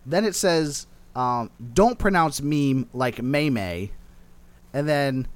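A man's voice: on the high side, animated, slow, no room sound. A man hosting a casual chat, reading an article aloud and joking along with his friends. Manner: reads aloud with playful asides.

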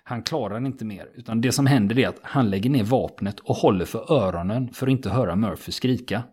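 A man with a fairly low, husky voice tells a true story to a listener in a podcast chat. His delivery is steady and matter-of-fact, moving through the account in plain, conversational sentences with frequent small hesitations.

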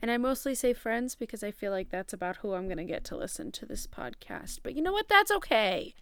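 A woman's voice: a little high, sing-song, a little fast, a bit bright, clear, resonant tone, no echo. A woman in her twenties hosting a podcast, telling true crime stories in a chatty, informal way with slangy asides. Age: 20s. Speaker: podcast host. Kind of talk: casual true crime storytelling. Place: small closet at home.

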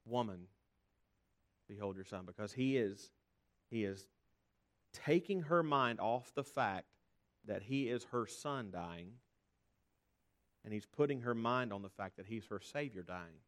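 A man's voice: on the low side, animated, slow, pauses often. A man preaching a sermon as pastor, earnest and conversational, often restarting his phrases.

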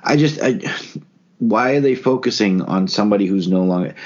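A man co-hosting a casual hockey podcast, talking in an exasperated, halting way with many restarts. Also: lowish voice, darkish tone. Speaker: podcast co-host. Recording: dull lo-fi audio.

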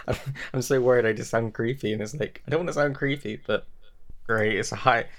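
A man's voice: medium pitch, moderate pace, a bit bright. Podcast co-host, young guy, casual and rambling, mid-range voice. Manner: rambling, many restarts and fillers. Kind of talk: casual chat.

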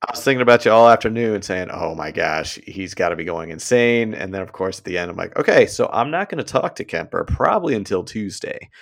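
A man's voice: sits low, lively intonation, brisk, gravelly, hardly any pauses. A man in casual sports chat on a podcast, friendly and chatty, laughing often and drifting into side stories. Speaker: podcast co-host.

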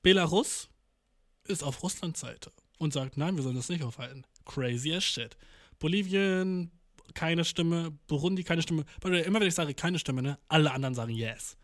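A young man talking in a fairly high voice, reacting to news on stream. He is slangy and profane, sprinkling in English words and putting on mock voices for the countries he talks about. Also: normal speed. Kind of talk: casual reaction commentary.

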